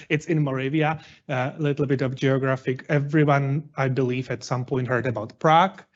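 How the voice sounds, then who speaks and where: A Czech man in his thirties, with a Czech accent and medium pitch, gives a presentation as a guest chef. His non-native English is halting and full of fillers, and the recording sounds muffled.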